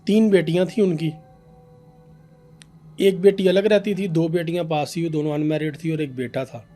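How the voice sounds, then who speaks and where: A young man, a podcast guest telling an animated story about a paranormal case. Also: on the high side, normal speed, faint music behind. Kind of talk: casual storytelling in a podcast interview.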